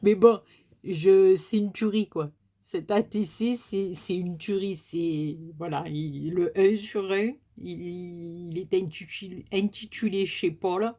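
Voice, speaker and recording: A crafting YouTuber from Marseille, France, with a Marseille accent chats casually while opening a parcel on her vlog. Her voice is lowish, slow and dark, and she gushes and swears with delight.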